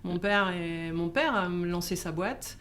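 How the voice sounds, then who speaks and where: A middle-aged woman, born in Italy and raised in France, answering interview questions in a halting way with many fillers and restarts. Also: on the low side, fairly bright tone, a little hiss or hum. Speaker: guest. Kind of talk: casual interview.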